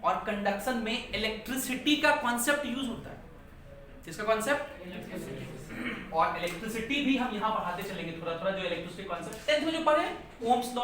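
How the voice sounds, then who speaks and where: A male physics teacher lectures a class in a large echoey classroom, asking questions and repeating key terms. His voice sits high and is a bit bright, captured from far off with echo and faint noise.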